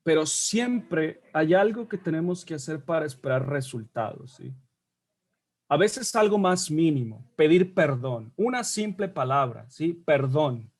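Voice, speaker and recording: High-voiced man teaching a Bible class. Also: animated, unhurried, darkish tone. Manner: conversational, checks in with frequent tag questions.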